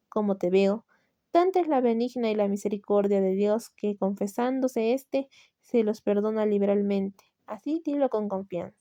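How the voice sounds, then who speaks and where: A woman with a Latin American Spanish accent voicing a kindly male friar who gently reassures a penitent in a storybook reading. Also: fairly high pitch, no echo, highs cut off, natural voice.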